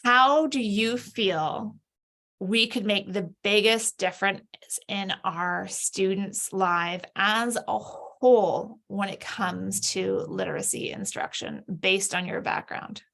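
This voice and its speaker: A woman's voice: mid-range voice, takes it slowly, a bit bright. A woman hosting an interview, conversational and friendly as she asks questions. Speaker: interview host. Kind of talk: casual interview chat.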